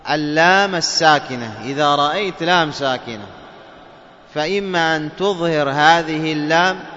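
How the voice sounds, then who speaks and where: A man teaching a class on Quran recitation rules, answering his own questions and drawing out key words slowly to stress them. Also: fairly high pitch, sharp tone. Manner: explains step by step, asks the class questions and answers them himself. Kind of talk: lecture on tajweed rules. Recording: dull sound with long echo.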